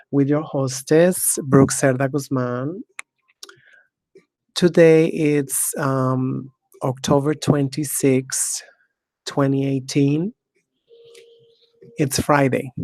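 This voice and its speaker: A woman hosts her own talk show alone, rambling and scornful. Her voice is gravelly and flat, moving at an unhurried pace. The recording is dry and close. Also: rumbling low, no echo. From Mexico. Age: 50s. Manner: rambling, heavy use of "you know" and "like"; scornful, ranting. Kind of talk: casual solo monologue.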